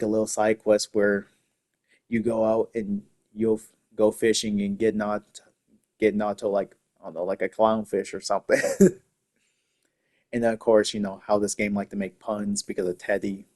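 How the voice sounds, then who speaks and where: A man chatting casually about video games, halting and restarting with many fillers. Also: on the low side, flat delivery, a little mellow. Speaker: gaming video creator. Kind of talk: casual rambling commentary.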